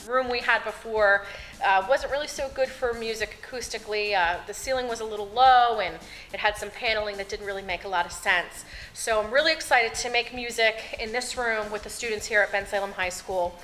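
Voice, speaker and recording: A woman's voice: medium pitch, fairly quick, a bit bright, soft background music, poor audio. A middle-aged woman, a choir teacher, talking enthusiastically on camera in a large classroom. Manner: enthusiastic, gestures broadly while talking. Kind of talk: on-camera school interview. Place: large bright empty classroom.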